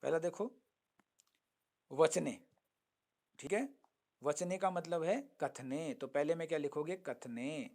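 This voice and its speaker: A man's voice: on the high side, a little mellow. Man teaching Sanskrit. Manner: explains step by step, chants Sanskrit lines slowly, then translates; asks students questions and answers them himself. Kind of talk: online lesson.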